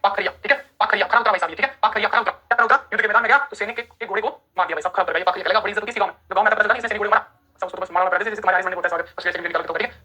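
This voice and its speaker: A woman teacher races through an exam-prep lecture in a bright, husky voice. She keeps quizzing her students, repeats each term several times and asks "right?" again and again. Her pitch sits a little high. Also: rapid-fire. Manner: repetitive, quizzing, addresses students as friends.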